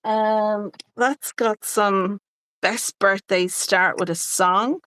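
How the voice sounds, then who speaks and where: A woman's voice: medium pitch, steady tone, extremely slow, fairly bright tone, no room sound. A woman co-hosting a crafting livestream, talking casually through each step as she works. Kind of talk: casual chat while crafting live.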